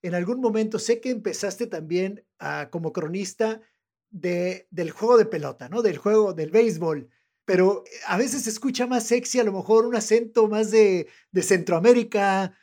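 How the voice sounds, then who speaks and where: Interviewer asking follow-ups fast, casual chat. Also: mid-range voice, a little mellow.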